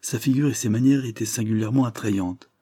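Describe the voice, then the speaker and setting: A man's voice: mid-range voice, brisk, warm tone, husky, no echo, studio quality. A man reading a novel aloud as scripted narration, lifting his voice for dialogue. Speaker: audiobook reader.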